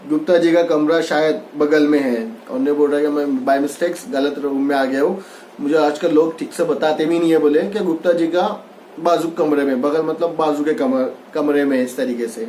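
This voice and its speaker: A man's voice: on the high side, fairly even intonation, normal speed, mellow, slight background noise. A man teaching a Hindi textbook lesson. He reads a line and then re-explains it loosely, mixing in English words. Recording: echoey room.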